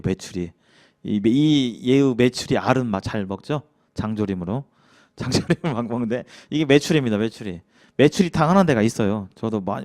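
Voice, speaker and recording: A lively man with a Jeolla Korean accent and a mid-range voice teaches Bible in a casual church lecture. He acts out grumbling quotes, chuckles, and puts questions to the class.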